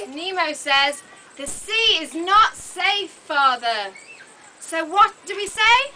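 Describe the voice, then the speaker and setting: A woman tells a puppet-show story to young children from a little stage in an open-sided thatched hall, speaking in simple, exaggerated questions. Her very high voice is bright and forceful, with lively intonation and a slow pace, caught by a distant camera amid the hall's noise.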